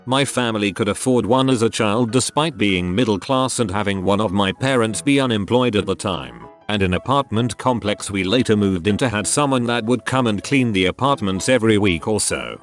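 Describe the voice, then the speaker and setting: A man narrating online stories in a steady read-aloud way. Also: fairly low pitch. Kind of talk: scripted narration of online posts.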